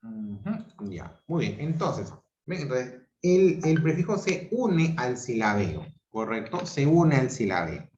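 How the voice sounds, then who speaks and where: A Peruvian man teaching an online grammar class. He talks slowly and deliberately, repeats each example syllable by syllable, and keeps checking in with "¿ok?" and "¿ya?". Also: medium pitch, very animated, a little mellow. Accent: Peruvian Spanish. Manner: checks understanding with frequent "¿ok?" and "¿ya?". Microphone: video call. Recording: roomy, dull video-call audio.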